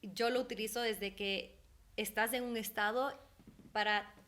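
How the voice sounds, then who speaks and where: A woman's voice: medium pitch, unhurried. A young adult woman from Ecuador, talking casually and animatedly as an interview guest. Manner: animated, laughs often, acts out quoted voices. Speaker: guest, holistic therapist.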